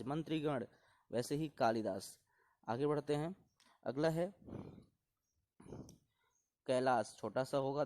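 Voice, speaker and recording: Hindi teacher drilling word spellings. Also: male voice, medium pitch, darkish tone. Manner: repeats words slowly and reminds students to pay attention. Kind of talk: exam-prep spelling lesson.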